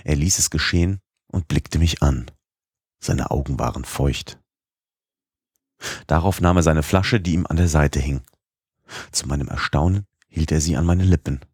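A man's voice: extremely low pitch, normal speed, long pauses, darkish tone, breathy edge, no echo, studio quality. A man narrating a classic novel as an audiobook, reading expressively and giving voice to the dialogue.

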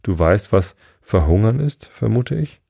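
A man voicing a gruff, impatient griffin creature in a storybook reading, curt and bossy. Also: fairly low pitch, animated, unhurried, mellow, no echo, clean studio sound, heavily acted.

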